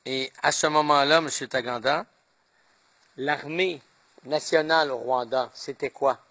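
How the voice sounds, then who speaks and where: A man questioning a witness in court, measured and formal. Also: medium pitch, fairly bright tone, dry recording. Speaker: lawyer questioning.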